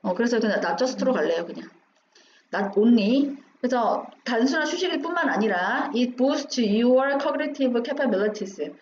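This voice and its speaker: A woman's voice: fairly high pitch, lively intonation, slow, darkish tone. A woman teaching English, going through an exam passage line by line, asking questions and answering them herself. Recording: dull roomy recording with faint hum.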